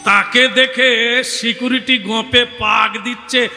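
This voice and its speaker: A man preaching a devotional sermon, telling a story and acting out the dialogue with sudden shouts. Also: very high voice, steady tone, slow pace. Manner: theatrical, acts out dialogue with shouts. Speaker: kirtan singer and preacher. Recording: reverberant hall, music behind.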